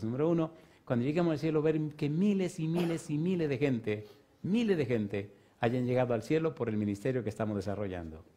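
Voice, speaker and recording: Impassioned Spanish-speaking preacher, dark voice. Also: male voice, mid-range voice. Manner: impassioned, swings from loud preaching to soft pleading. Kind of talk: evangelistic sermon with altar call. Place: church stage.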